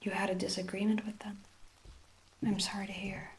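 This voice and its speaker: A woman with an Irish accent in a soft whispered role-play, playing a gentle, attentive hair sorcerer with old-fashioned storybook phrasing. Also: medium pitch, level tone, normal speed, low-quality recording. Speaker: ASMR performer.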